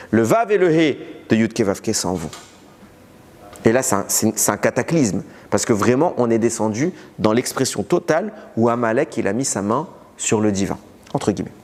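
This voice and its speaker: A male rabbi teaching a Torah class, his pitch swinging up and down as he lays out each point. He keeps posing questions to his listeners and then answering them himself. His voice rings out with a long reverb, as if captured in a large hall. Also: darkish tone. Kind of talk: recorded Torah lesson.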